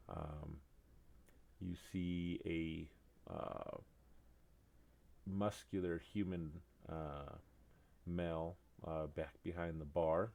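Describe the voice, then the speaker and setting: A man runs a tabletop game as game master, describing scenes in a deep, gravelly voice. He talks slowly and haltingly, pausing on fillers as he sets the scene. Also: mellow.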